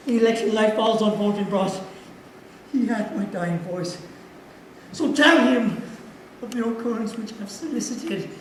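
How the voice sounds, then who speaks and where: A man acting a dying, wounded young prince in theatrical Shakespearean style, anguished, halting and declamatory. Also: sits high, darkish tone, close to an everyday voice. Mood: pained, dying. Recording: echoey hall, distant mic, faint noise.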